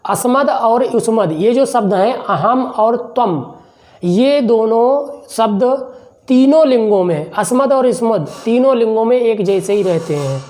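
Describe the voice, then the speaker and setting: Man teaching slowly, answering his own questions. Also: extremely high pitch, animated, darkish tone. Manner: slow and deliberate, repeats phrases word by word; asks questions and answers them himself. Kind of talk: classroom lesson explanation.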